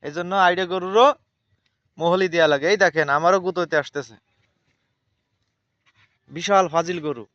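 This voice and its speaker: A man's voice: high voice, moderate pace, pauses often, a bit bright, dry recording, muffled recording. A man, chatting casually as a vlogger while outdoors with a cow. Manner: chatty, repetitive commentary. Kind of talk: casual vlog narration.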